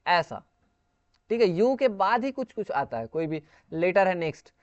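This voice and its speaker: A man's voice: sits high, very animated, normal speed, no room sound, lo-fi sound. A man teaching English pronunciation, patiently repeating each sound and asking questions as he explains. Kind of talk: classroom-style lesson.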